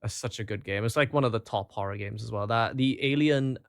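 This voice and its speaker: Kuru, yakın bir mikrofonda rahat, küfürlü konuşan İngiliz aksanlı bir erkek sunucu. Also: male voice, fairly low pitch, a little fast, clear, resonant tone, no room sound, studio quality. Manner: loose, swearing, laughing. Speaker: podcast host. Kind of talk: casual chat.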